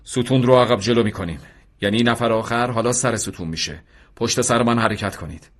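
A man voicing a steady, devout male battalion commander in an earnest radio drama reading. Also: mid-range voice, close to an everyday voice. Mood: calm. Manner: earnest, fervent when pleading.

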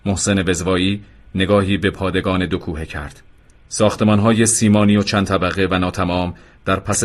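A low-pitched man narrates an audiobook chapter in a calm, steady manner. He gives the quoted speech only a light touch and reads it as scripted narration.

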